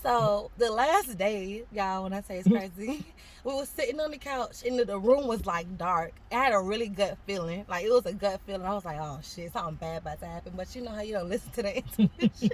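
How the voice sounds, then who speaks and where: A young woman casually telling a personal story to an interviewer, animated and acting out the voices of the people in it. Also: mid-range voice, fairly quick. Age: young adult. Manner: animated, acts out quoted voices, laughs often. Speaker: guest telling her story.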